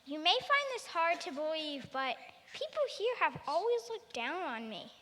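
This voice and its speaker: A woman's voice: extremely high pitch, sing-song, moderate pace, a bit bright, long reverb tail, a little hiss or hum, exaggerated voice. A woman voicing a short, pompous male tax collector in a cartoon, boastful and self-important. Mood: smug. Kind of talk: cartoon acting.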